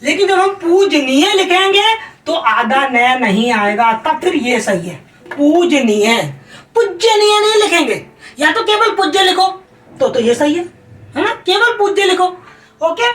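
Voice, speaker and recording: A woman teaching Hindi grammar for an exam, stressing the rules, repeating them and asking the class if it is clear. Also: extremely high pitch, expressive, a little slow, fairly bright tone. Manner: calls students "beta". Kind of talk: exam-prep lesson. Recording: roomy sound from a distance.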